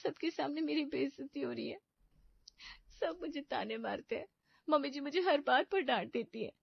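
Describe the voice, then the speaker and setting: A woman's voice: brisk, lightly acted. A woman voicing a timid, clumsy young bride who talks in a nervous, pleading voice, on a dull lo-fi cartoon track. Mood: sobbing. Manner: nervous, pleading, high and tearful. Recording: dull, dry lo-fi voice-over.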